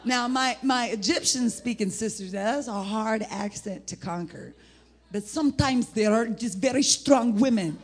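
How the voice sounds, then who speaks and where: A middle-aged woman from Indianapolis, Indiana, with an American accent preaches an informal sermon that includes personal testimony. Her voice is husky and gravelly yet fairly high-pitched, at a moderate pace, and she's animated, rambling, and folksy, breaking into laughter and exclamations.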